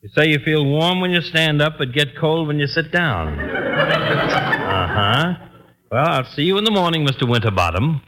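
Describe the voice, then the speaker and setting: Acerbic, animated radio comedy doctor. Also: male voice, a little high, normal speed, faint music behind. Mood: brisk, professional. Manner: wisecracking, mock-indignant, florid. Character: fussy, acerbic doctor, grandiloquent and easily provoked. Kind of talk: old-time radio comedy acting. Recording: noisy vintage radio broadcast recording.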